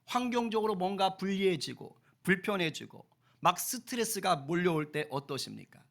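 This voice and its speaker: A male pastor delivering a Sunday sermon, rising to loud fervent peaks and acting out quoted voices. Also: sits high, animated, normal speed, vocal fry.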